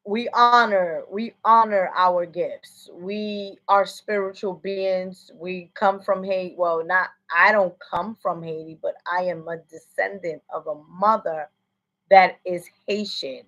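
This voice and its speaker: On a lo-fi recording, a woman from the United States does a casual psychic medium reading over livestream. She rambles and keeps asking "you know what I'm saying," her medium-pitched voice a bit bright.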